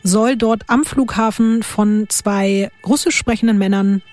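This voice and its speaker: A woman's voice: mid-range voice, steady tone, measured pace, darkish tone, faint music behind. A young woman hosting a podcast, telling a true crime story in casual, colloquial chat and laughing often.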